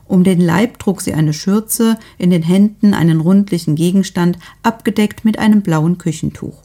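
Female reader presenting a novel, measured and even, warm dark timbre. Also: fairly low pitch. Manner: calm, measured reading. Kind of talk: scripted book review and read-aloud excerpt.

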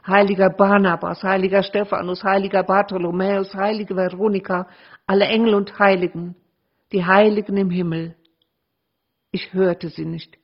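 A woman reads aloud from her novel with dramatic flair, shifting between hushed and louder passages. Her voice is husky and sits fairly low. The recording sounds muffled. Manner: dramatic, lively narration with shifts in loudness. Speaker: author reading from her novel. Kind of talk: expressive literary reading.

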